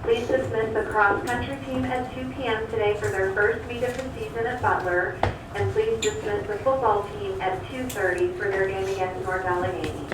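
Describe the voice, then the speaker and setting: A woman reading the morning school announcements over an intercom, in a formal, steady, list-reading manner. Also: mid-range voice, normal speed, far from the mic, background noise. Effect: over a school intercom loudspeaker. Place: school office, heard through a classroom speaker. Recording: echoey loudspeaker heard from across a classroom.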